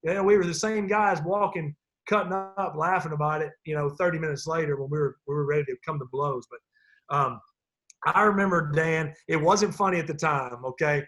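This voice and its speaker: Rambling middle-aged man reminiscing, slightly high voice. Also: brisk, fairly bright tone. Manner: rambling, many restarts, chuckles often. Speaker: former player on a team reunion call. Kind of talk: casual reminiscing.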